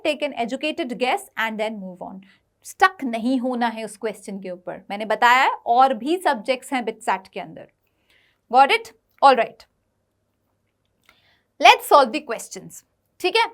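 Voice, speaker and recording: A woman teaching an online exam-prep English lesson, switching between Hindi and English, sounding out words and checking in with her students. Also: high voice. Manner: mixes Hindi and English, drills pronunciation, checks in with "got it?".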